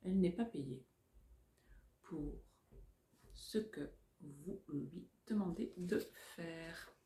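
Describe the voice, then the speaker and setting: A French teacher around her forties gives a dictation in a small furnished room, reading phrase by phrase with carefully articulated words and saying the punctuation aloud. Her voice is low, mellow, and reverberant.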